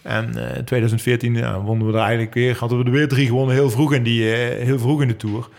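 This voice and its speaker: A man in his thirties, a professional cyclist who works as a sprint lead-out rider, gives long, hesitant interview answers full of ums and restarts as he recalls races. His voice is medium-pitched and darkish, with a steady tone and a quick pace.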